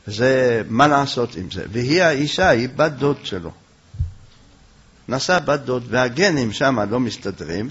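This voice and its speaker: A man giving a Torah lecture as a rabbi, telling stories with animation and rising loud for quoted lines. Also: mid-range voice, slightly rough. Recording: dull lo-fi recording.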